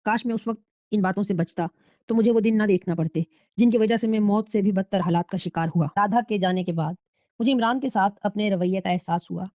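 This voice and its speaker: Woman storyteller, steady read, kinda muffled lo-fi audio. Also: medium pitch, dry recording. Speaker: narrator. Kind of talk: scripted horror story narration. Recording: dull, dry lo-fi recording.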